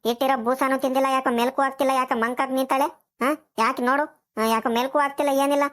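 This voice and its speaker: A woman's voice: a little high, flat delivery, fairly quick, a bit bright, close to an everyday voice. A woman voicing a fussy, worried old village grandmother. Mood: fussing. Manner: coaxing, worried.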